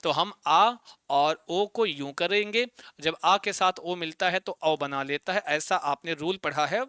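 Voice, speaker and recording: A man teaching a Sanskrit exam-prep lesson online, drilling students with repeated check-in questions and spelling out word parts slowly, syllable by syllable. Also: a little high, sharp tone, clear, resonant tone, no room sound, clean studio sound.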